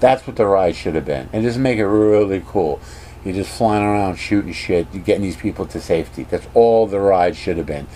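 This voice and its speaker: A man vlogging casually, rambling and animated as he gives strong opinions. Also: low-pitched, fairly quick, a little hiss or hum.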